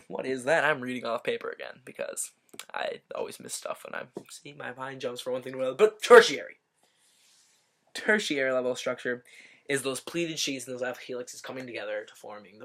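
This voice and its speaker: A man talking through a biology topic in a loose, chatty explainer. He stumbles over words, restarts sentences and tosses in small jokes as he goes, at a pitch that is neither high nor low for a man. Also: fairly bright tone. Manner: rambling, self-correcting, joking asides. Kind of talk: casual explainer video.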